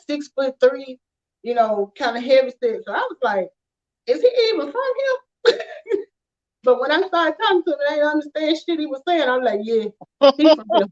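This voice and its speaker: A woman, telling stories in an animated, casual chat with frequent laughter. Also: high voice. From rural Alabama, USA. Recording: dull lo-fi sound.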